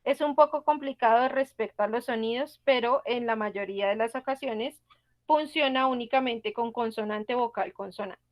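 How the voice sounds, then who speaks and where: A woman's voice: fairly high pitch, normal speed. A woman teaching an online English class, patiently explaining grammar rules step by step and asking the students questions.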